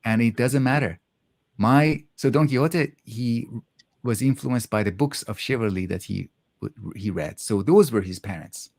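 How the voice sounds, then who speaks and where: A man speaking reflectively in a conversational interview, halting often as he thoughtfully searches for words. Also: mid-range voice, gravelly, darkish tone, dry recording.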